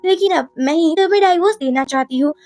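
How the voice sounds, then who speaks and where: A woman voicing a scheming young wife who is sharp-tongued and scolding. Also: very high voice, fast talker, no room sound. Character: scheming young wife chasing divorce and money.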